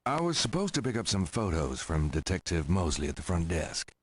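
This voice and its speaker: An actor playing a cool, inquisitive adventure game hero with a casual drawl. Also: male voice, deep voice, very animated, a little fast, slight background noise. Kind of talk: video game voice acting.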